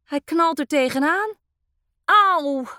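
A woman reading a children's bedtime story aloud, slow and expressive. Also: mid-range voice, dry recording, clean studio sound.

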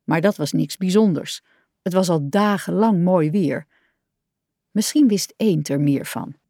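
Woman, storybook narration, slow, lively pitch, dry studio sound. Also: no room sound. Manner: warm, expressive read-aloud. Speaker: audiobook reader.

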